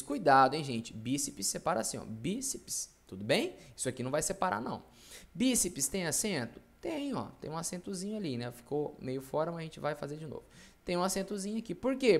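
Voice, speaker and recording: A man teaching a grammar class, who asks his own questions, answers them, and drops jokes along the way. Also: fairly high pitch. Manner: jokey, playful asides. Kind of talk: recorded online class lecture.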